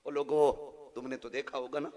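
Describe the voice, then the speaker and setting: A male preacher tells a religious story in a sermon, moving from hushed narration to loud impassioned cries. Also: medium pitch, level tone, moderate pace. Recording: long hall reverb from a live gathering.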